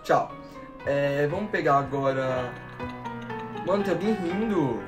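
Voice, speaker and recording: A nineteen-year-old Brazilian man plays a horror game and talks straight to his viewers in slangy, excitable Portuguese. He spooks easily, shrieking and repeating words in bursts of panic, his voice sitting a little high. Game music plays clearly behind him. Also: slow. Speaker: gaming YouTuber. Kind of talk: horror gameplay commentary.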